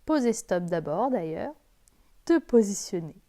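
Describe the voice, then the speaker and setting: A woman's voice: medium pitch, very animated, a little slow, dark tone. A woman working as a sophrology guide, giving informal spoken instructions straight to the listener.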